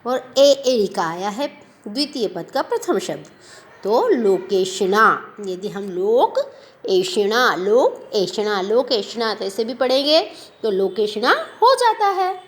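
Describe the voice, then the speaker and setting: A woman teaching a grammar lesson, sounding out example words slowly and asking questions she then answers herself. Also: fairly high pitch, sing-song. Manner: slow, drawn-out pronunciation of example words; asks the listener questions and answers them.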